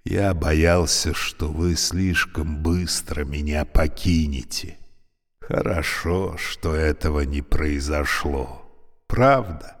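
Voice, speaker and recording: A man voicing an old, creaky, talking elevator, speaking slowly and courteously with a weary, sorrowful politeness. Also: extremely low pitch, in a large hall, heavily acted. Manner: slow, courteous, mournful.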